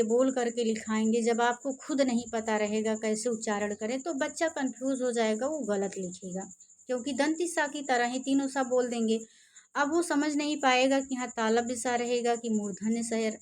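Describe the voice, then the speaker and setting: A woman with a Hindi accent teaching Sanskrit grammar in a lecture, explaining slowly, repeating rules and sounding out letters as examples. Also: a little high. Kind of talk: classroom lecture.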